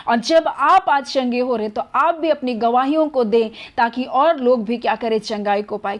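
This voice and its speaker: A woman with a fairly high voice delivers a sermon. She talks earnestly and keeps posing rhetorical questions, then answers them herself. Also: a little mellow. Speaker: preacher.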